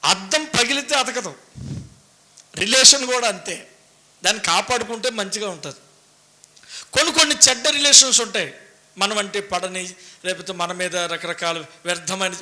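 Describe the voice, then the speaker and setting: A male preacher with a lilt delivers a sermon in a high, cutting, very bright voice. He hammers his points with repeated phrases. Then he drops into hushed asides before rising again. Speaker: pastor.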